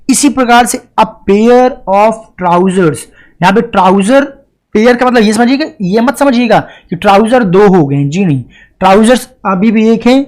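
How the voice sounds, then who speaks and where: Male grammar teacher, lecture delivery, rhetorical questions, stresses each example sentence slowly. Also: high voice. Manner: explains step by step, often asks and answers his own questions; reads English example sentences slowly and deliberately. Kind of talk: classroom lecture.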